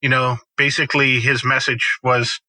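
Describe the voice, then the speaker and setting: Bright, forceful man telling stories. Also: mid-range voice, normal speed, no echo, low-quality recording. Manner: storytelling, emphatic, animated quoting. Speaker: farmer, guest. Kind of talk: conversational interview.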